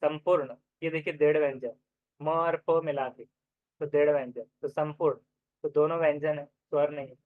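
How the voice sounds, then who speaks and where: A man teaching an exam-prep grammar lesson, explaining step by step and repeating each example slowly. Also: fairly high pitch, fairly even intonation, no echo. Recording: dry, phone-like narrow sound.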